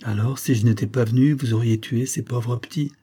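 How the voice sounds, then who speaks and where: A man's voice: medium pitch, fairly even intonation, a little fast, mellow, breathy edge, lightly acted. A man reading the part of a young husband, urgent and questioning. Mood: anxious, urgent.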